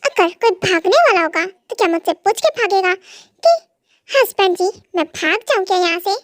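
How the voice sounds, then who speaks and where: Speaking at an extremely high pitch, a woman plays a menacing, possessive young mafia husband for an amateur fan dub. Her delivery is animated yet moderately paced, full of cold, mocking threats and orders.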